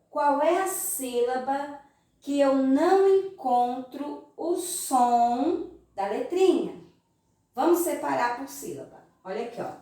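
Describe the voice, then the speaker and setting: A Brazilian woman teaching young children in a slow, sing-song voice, recorded in an echoey room from some distance. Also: sits high, warm tone. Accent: Brazilian Portuguese. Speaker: primary school teacher. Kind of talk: recorded remote class lesson.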